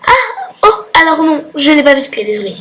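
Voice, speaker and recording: Woman doing a sweet ditzy schoolgirl, high voice, kinda confused and sorry. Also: fast talker, a bit bright. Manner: confused, apologetic.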